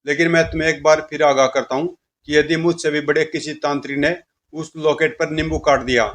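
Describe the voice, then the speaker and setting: A man voicing an old male tantrik sorcerer who speaks slowly and gravely, warning of danger in a horror storybook tale. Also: fairly high pitch, flat delivery, fairly bright tone, close to an everyday voice.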